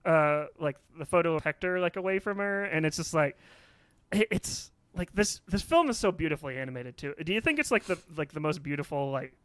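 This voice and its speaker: A man with a high, bright, smooth voice chats about a film, tripping over himself with constant fillers as his excitement runs ahead of his words. The sound is dry and close, with no room around it. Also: fairly quick, no echo. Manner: rambling, heavy use of filler "like"; excitable, emotional about films. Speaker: podcast co-host. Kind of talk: casual film discussion.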